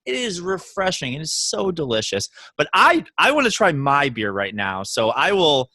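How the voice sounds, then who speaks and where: Man, thirties, Baltimore accent, lively up-and-down voice, rambling storyteller, dry mic. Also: on the high side, moderate pace, no room sound. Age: 30s. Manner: animated storytelling, rambling with restarts. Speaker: podcast co-host. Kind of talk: casual chat.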